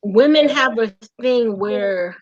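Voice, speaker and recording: A woman's voice: fairly high pitch, animated, slow pace, highs cut off. A woman from the United States telling a personal story candidly, acting out quotes as she goes. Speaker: guest, wife.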